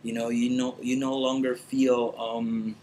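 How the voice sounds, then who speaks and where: A Salvadoran man records a loose, wandering vlog into his computer indoors at a meditation center, full of fillers and false starts. His voice is medium in pitch and slightly dark, with a level tone and measured pace. The recording is rough, with a bit of background noise.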